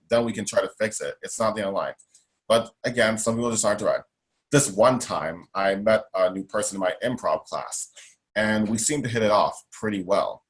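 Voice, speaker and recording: A young man with a fairly low, strong voice speaks as an interview guest, advocating for himself. He's emphatic and outspoken and repeats himself, all on a low-quality recording.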